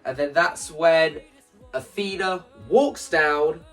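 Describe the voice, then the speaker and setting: Here a content creator describes a stage production in an animated vlog, rambling, acting out moments and quoting lines. His voice is slightly high and fairly bright, his pace slow. Soft music plays behind, and the mic sits far away.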